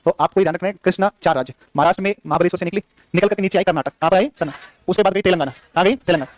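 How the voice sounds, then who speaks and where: A quick, high-pitched man lecturing a room of students, drilling them with rapid questions and repeated answers. His voice sits close and dry, with almost no room sound. He teases and scolds the class in a joking way. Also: dry recording. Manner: jokey, scolds the class playfully. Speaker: geography teacher.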